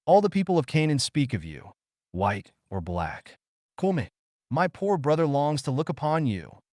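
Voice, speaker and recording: A man's voice: fairly high pitch, sing-song, moderate pace, darkish tone, dry recording, voice pushed up. A sly young woman stranger teases and taunts in a lilting, raised voice, as a male narrator puts her on. Her tone swings widely and plays with the listener, close and dry as in a storybook recording. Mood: mocking.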